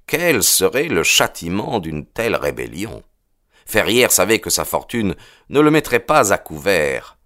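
A man reading a novel aloud as an audiobook narrator, in a measured, expressive way. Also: low-pitched, no echo, studio quality. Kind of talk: scripted narration.

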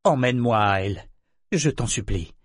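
A man's voice: medium pitch, expressive, moderate pace, no echo, clean studio sound, close to an everyday voice. A man voicing an earnest young man who pleads urgently. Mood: earnest pleading. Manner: urgent, imploring.

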